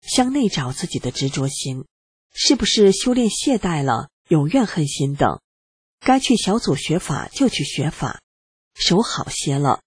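An adult reading a personal testimony aloud in a steady first-person way, earnest and reflective. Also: medium pitch, breathy edge, no room sound.

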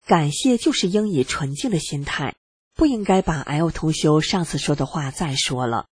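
Very husky earnest reader. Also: medium pitch, expressive, normal speed, no echo. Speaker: reader of a personal testimony. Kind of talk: steady first-person reading.

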